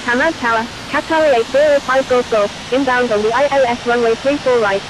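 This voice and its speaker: A woman's voice: fairly quick, close to an everyday voice. A woman voicing a formal airline pilot in a flight simulator, giving clipped, procedural headset readbacks. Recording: clear steady hiss and rumble.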